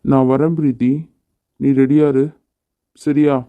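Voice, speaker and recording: A man's voice: mid-range voice, little pitch movement, measured pace, smooth, no echo, lightly acted. A man voicing a brash young husband who is blunt and teasing but protective of his wife, in a cartoon. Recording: dry, phone-like narrow sound.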